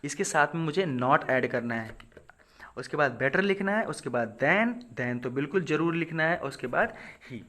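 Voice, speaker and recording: A man from India teaching English grammar to viewers, asking questions and answering them himself, reading example sentences out slowly. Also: a little high, lively intonation, a bit bright. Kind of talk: explaining grammar rules to viewers.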